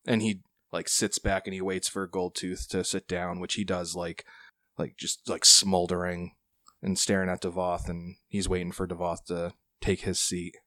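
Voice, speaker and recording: A man narrating a tabletop game as game master in casual, halting, improvised phrases. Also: low-pitched, little pitch movement, pushed and bright, dry recording, studio quality.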